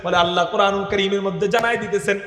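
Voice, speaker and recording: A high, bright-voiced man with a Bangladeshi Bengali accent delivers a fiery waz sermon, shouting rhetorical questions at his crowd and breaking into sung Arabic verses. His voice carries a tense, piercing edge. It rings through a PA with a long, roomy reverb. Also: steady tone, fast. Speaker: Islamic preacher. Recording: echoey PA sound with long reverb.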